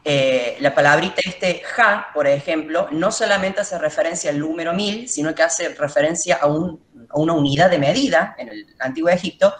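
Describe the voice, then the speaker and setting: A woman's voice: low voice, moderate pace, echoey room. A woman teacher giving a classroom lecture, explaining step by step and checking in with her students.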